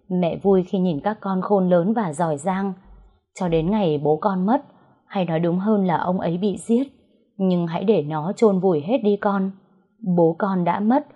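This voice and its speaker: A woman voicing a gravely ill mother who speaks slowly and tenderly, stern when crossed. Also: lowish voice, dull audio. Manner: slow, tender pleading, turning harsh in anger.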